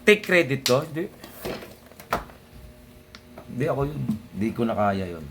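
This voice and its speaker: A man's voice: mid-range voice, very animated, normal speed, noisy background. A young man ranting casually to his viewers in a blunt, sardonic way, swearing often and muttering asides under his breath. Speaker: vlogger.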